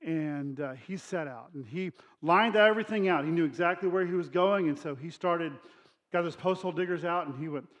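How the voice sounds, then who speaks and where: High-voiced pastor telling a story. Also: male voice, brisk. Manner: storytelling with acted dialogue and sound effects; conversational, addresses congregation directly. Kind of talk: sermon.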